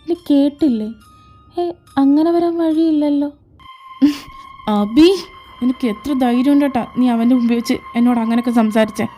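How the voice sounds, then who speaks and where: A woman's voice: sits high, moderate pace, long pauses, mellow. A woman voicing all the characters in a fan fiction audio drama, moving between arguing, teasing and pleading voices. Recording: faint background music.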